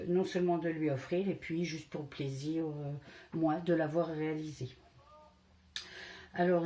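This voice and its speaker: Slow, low-voiced hesitant woman. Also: warm tone. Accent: French regional accent. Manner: hesitant, many fillers, loses track. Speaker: crafting vlogger. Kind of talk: casual craft show-and-tell.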